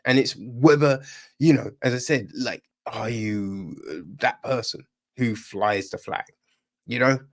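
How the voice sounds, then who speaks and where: A man with a medium-pitched voice, speaking a little slowly, rambles through a casual podcast review of a film. He sounds irritated and opinionated and leans constantly on tag questions like "right?" and "you know."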